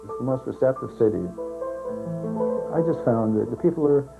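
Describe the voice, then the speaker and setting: A man, a performer, talking casually in an interview in a relaxed, halting way. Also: mid-range voice, gravelly, phone-quality sound, music in the background.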